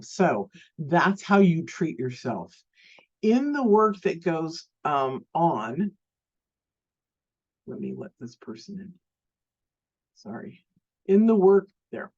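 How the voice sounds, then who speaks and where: Gentle woman teaching a class. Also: low-pitched, lo-fi sound. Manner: gentle, unhurried, frequent restarts and fillers. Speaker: self-love teacher. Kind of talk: live online class talk.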